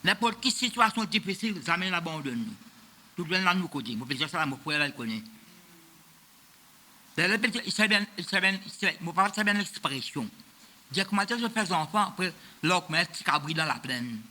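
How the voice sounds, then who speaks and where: A man's voice: high voice, expressive, moderate pace, pushed and bright, a little hiss or hum. A man, preaching a sermon as pastor of a church, in a loose, repetitive style that mixes French and Creole. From Mauritius.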